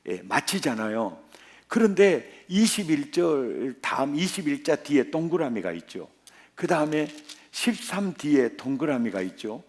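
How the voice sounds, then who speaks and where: A male pastor preaching a revival sermon, often putting questions to the congregation. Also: a little high. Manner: animated, quizzing the congregation.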